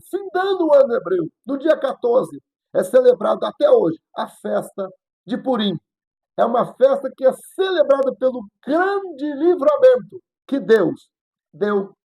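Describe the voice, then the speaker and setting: A Brazilian woman teaches a Sunday school Bible lesson, recounting the story in an animated way and often repeating her phrases. Her voice is gravelly and husky, with a dark, mellow tone that sits a little high. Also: low-quality recording. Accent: Brazilian Portuguese.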